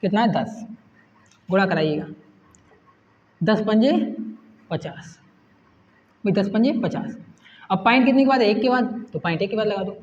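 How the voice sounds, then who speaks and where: In an echoey room, a male teacher with a high voice walks through a lesson step by step, speaking unhurriedly with long pauses. He poses questions to the class and answers them himself, and the recording is dull and lo-fi with a faint hiss.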